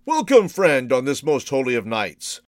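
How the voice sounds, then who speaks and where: A man's voice: mid-range voice, huge pitch swings, moderate pace, dry recording, studio quality. A man voicing a beaming little old male toy maker, cheerful and coaxing, in a storybook reading. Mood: welcoming.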